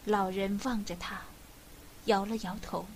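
Woman narrator, storybook reading, measured, expressive, echoey room. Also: medium pitch, a little hiss or hum. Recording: echoey room with long reverb.

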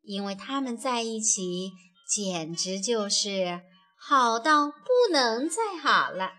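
Brief: a woman reading a children's story, gentle and expressive, slow and high, faint music behind. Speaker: narrator.

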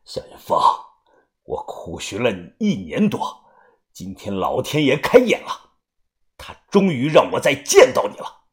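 A man voicing a cold, vengeful young man who came back from death, speaking low and quiet. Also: big pitch swings, measured pace, long pauses, exaggerated voice. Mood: cold menace.

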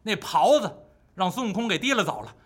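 Lively male storyteller. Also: high voice, fairly quick. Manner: vivid, with sound effects. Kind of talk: traditional storytelling.

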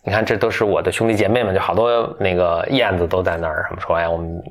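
A man's voice: low voice, level tone, fast. A man voicing a kindly swallow. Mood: friendly. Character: kindly gentle swallow that was rescued.

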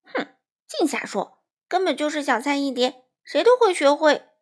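A woman voicing a stubborn, bratty little boy crow who shouts and sulks in a shrill voice. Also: normal speed, close to an everyday voice. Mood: sulky.

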